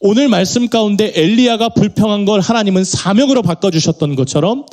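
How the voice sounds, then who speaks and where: A middle-aged male pastor delivering a sermon, rising into emphatic peaks and dropping into quiet, prayerful asides. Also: high voice, a little fast.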